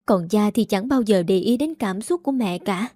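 A woman voicing a headstrong, outspoken young daughter who talks quickly and heatedly. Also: medium pitch, animated, mellow, no room sound, studio quality, close to an everyday voice. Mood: heated defiant.

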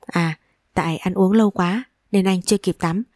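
A playful young boyfriend from a spoken audio story, teasing and coaxing in a low, mellow voice, as a woman narrator reads his lines. He sounds dry and close, with little room sound. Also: fairly even intonation, normal speed, dry recording, natural voice.

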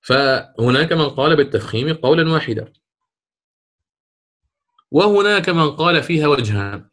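A man teaching a lesson on Quran recitation rules, asking and answering his own questions and drawing out the recited words slowly. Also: fairly high pitch, lively intonation, fairly bright tone. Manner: stretches recited words drawn out.

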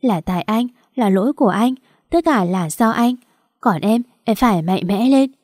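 Female reader as remorseful young cop, gentle and choked up, mellow tone. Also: a little high, animated, normal speed, no echo, clean studio sound. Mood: soothing. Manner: soothing, choked-up reassurance. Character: young male police officer, guilt-ridden and gentle.

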